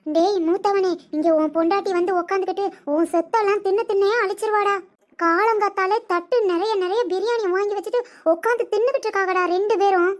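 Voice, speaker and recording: A woman doing a shrill nagging old mother-in-law. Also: fairly even intonation, quick pace. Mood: scheming. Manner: scolding, nagging, loud. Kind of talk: cartoon comedy voice acting.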